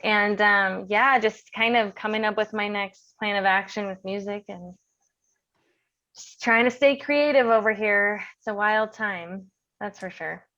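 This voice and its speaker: A woman's voice: mid-range voice, steady tone, unhurried, pushed and bright. A woman, a singer-songwriter guest, chatting easygoing and upbeat on a video-call podcast.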